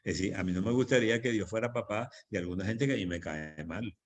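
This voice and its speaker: A man's voice: lowish voice, fast talker. A man preaching as pastor in a church, teaching on prayer with emphatic repetition. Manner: emphatic, repeats phrases for stress.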